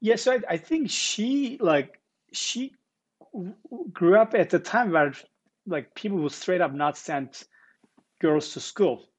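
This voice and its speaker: Guest in his forties, on earbuds in a living room; a fairly high voice, earnest, talking in halting restarts. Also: animated, slightly rough. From Turkey. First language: Turkish. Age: 40s. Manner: earnest, repeats words while searching, fillers. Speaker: guest founder. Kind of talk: casual interview storytelling. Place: living room with armchairs, indoors. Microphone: earbuds on video call.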